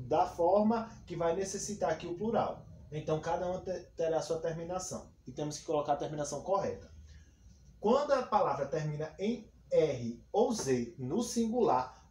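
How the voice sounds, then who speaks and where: A man teaching a grammar class, patient and thorough, repeating each rule and giving example after example. His voice sits a little high for a man but has a warm, mellow tone. It sounds like a bare, echoey room, with a faint hum underneath. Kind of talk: explaining a grammar lesson.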